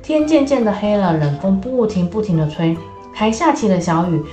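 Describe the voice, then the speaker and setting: A woman's voice: mid-range voice, moderate pace. Woman telling a children's story. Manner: lively, addresses children directly. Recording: echoey room with faint music.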